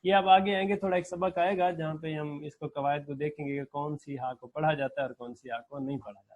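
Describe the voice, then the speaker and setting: A man teaching an online language class, explaining patiently step by step and repeating examples slowly. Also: a little high, steady tone, darkish tone, no echo. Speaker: Farsi teacher.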